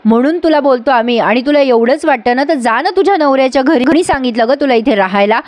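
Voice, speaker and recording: A woman's voice: high voice, lively intonation, quick pace, darkish tone. A woman voicing a defensive married woman scolding her sister-in-law.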